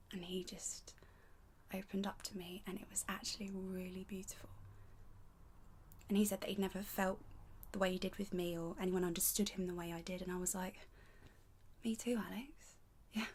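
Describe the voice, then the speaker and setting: A woman performs a dramatic monologue as a young woman who is frank, sweary, and emotionally raw. Her voice is on the low side and breathy, often sinking to a near whisper.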